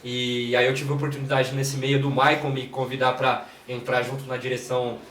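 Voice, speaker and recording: A man's voice: mid-range voice, brisk. São Paulo man telling stories in an echoey room. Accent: São Paulo Portuguese. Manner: relaxed storytelling with many "né" fillers. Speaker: guest, creative director and videomaker. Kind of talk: casual interview conversation. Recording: echoey room, distant mic, faint noise.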